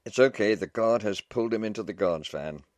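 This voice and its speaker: A man voicing a kindly older military officer who speaks briskly and reassuringly. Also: sits low, lively intonation, no echo. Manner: brisk at first, then gentle and reassuring.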